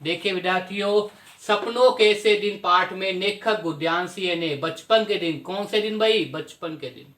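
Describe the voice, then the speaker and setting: A man teaching a class, his voice bright and forceful and sitting a little high. He keeps posing questions to his students and answering them himself, restating each point in several ways. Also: normal speed. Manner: repetitive, explanatory teaching tone. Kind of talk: Hindi class lecture.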